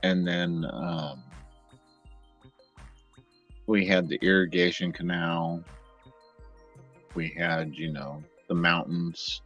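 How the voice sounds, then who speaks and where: A man from the San Diego area hosting a casual chat, telling stories in a relaxed, rambling way. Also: low-pitched, slow pace, pauses often, dull audio, faint music behind. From San Diego area, United States. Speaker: host.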